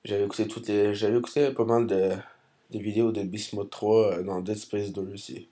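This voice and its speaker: A man's voice: on the low side, level tone, a little fast, warm tone. A man with a Québécois accent giving rambling, hesitant commentary over recorded gameplay. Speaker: gaming commentator.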